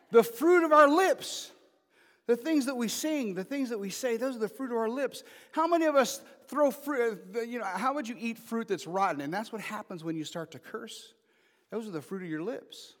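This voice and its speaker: A male pastor in his fifties with a high, fairly bright voice preaches an informal sermon in a reverberant hall. He mixes joking asides with emphatic calls to the congregation.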